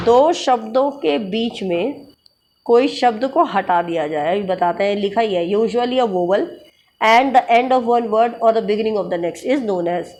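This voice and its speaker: A woman teaching an exam-prep lesson, reading English questions slowly and then explaining them in Hindi. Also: fairly high pitch, a little mellow. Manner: spells out terms letter by letter.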